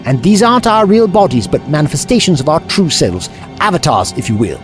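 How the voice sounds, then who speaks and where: In an audio drama over music, a performer plays the Doctor, an eccentric, kindly time traveller who explains things in wordy, scholarly fashion. The mid-range voice is sing-song and a little fast yet close to everyday speech, with a brisk, polite mood.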